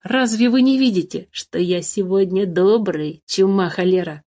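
A woman voicing a sly, greedy male dwarf who guards cave treasure, with a wheedling, drawn-out manner, in a storybook reading. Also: mid-range voice, dark tone, lightly acted. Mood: mocking.

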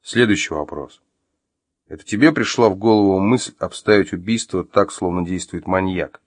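A man's voice: deep voice, normal speed, no room sound. A man voicing an angry man who interrogates his ex-wife at gunpoint, growling and barking his questions in an audiobook. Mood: cold interrogating.

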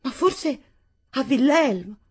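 A woman voicing an anxious young wife and new mother with a Neapolitan accent, worried and timid in a husky voice. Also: high voice, lively intonation, slow pace, a little mellow, pitched above the performer's own voice, heavily acted.

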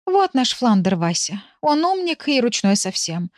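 A woman doing a flustered, chatty village lady who complains in a lively, swooping voice. She is heard in a dry, close recording with no room sound. It is an audiobook character voice. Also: on the high side, a little slow, no echo, pitched above the performer's own voice. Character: talkative flustered village woman, pet owner.

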